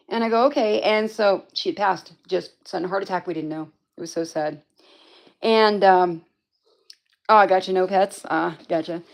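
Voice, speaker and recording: Chatty lady rambling on her home livestream, talks back to the chat, average voice. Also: mid-range voice. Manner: rambling, chatty, answers viewer comments. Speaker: livestream host.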